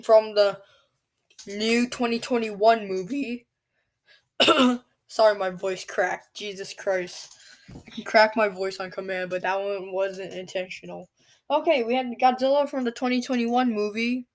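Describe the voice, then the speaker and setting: A woman casually commenting on a monster battle video, rambling and tripping over names as she corrects herself. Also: on the high side. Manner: off-the-cuff asides and self-corrections. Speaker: channel host.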